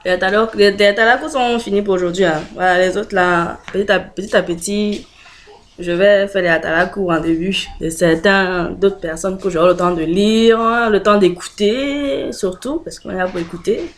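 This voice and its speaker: A woman's voice: medium pitch, moderate pace. A woman with a French accent chatting casually to her viewers, hesitant and full of fillers, laughing often. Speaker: video blogger. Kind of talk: casual direct-to-camera chat.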